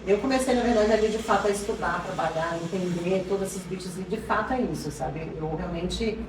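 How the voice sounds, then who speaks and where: A woman in her forties from Minas Gerais with a Minas Gerais accent, a marine biologist talking casually and lively as an interview guest, often laughing and restarting. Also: on the low side, brisk. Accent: Minas Gerais Portuguese. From Minas Gerais, Brazil. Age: 40s. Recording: echoey room, distant mic, background noise.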